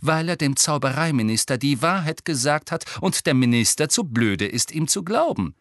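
A man voicing a clever teenage girl who speaks in a crisp, firm, cutting way in a storybook reading. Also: medium pitch, big pitch swings, moderate pace, a bit bright, no room sound, studio quality, voice pushed up.

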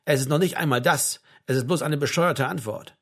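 A man's voice: a little high, a little fast, fairly bright tone, breathy edge. A man reading an audiobook, voicing a dry, sarcastic young man who stays cool in an argument. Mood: dry, sardonic.

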